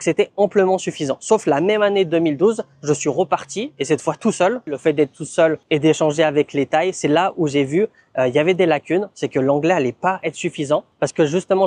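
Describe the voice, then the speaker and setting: A man vlogging in a relaxed, conversational way, with frequent fillers as he recounts his experiences. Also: fairly high pitch, no echo. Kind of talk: casual vlog narration.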